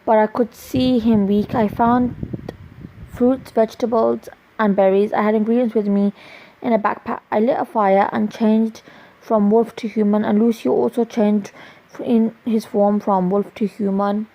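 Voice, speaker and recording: A woman reading her own romance story aloud in a plain, halting way with small restarts, in a dull lo-fi recording. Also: on the high side, level tone, dark tone.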